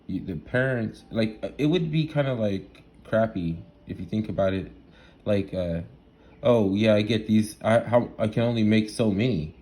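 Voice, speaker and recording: A man talking through an idea in a rambling, excitable monologue, full of restarts and asides, laughing at himself now and then. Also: on the low side. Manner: rambling, restarts often, lots of fillers and "right?". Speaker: solo vlogger.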